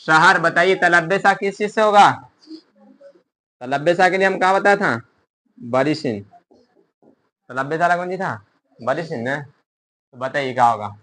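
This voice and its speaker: A man with a fairly high, bright, forceful voice teaches a beginner lesson. He spells each word slowly, sound by sound, asking the listener which letter comes next and then giving the answer himself. His tone stays patient and instructive. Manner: quizzes the viewer, then answers his own questions. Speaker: Urdu teacher. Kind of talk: online language lesson.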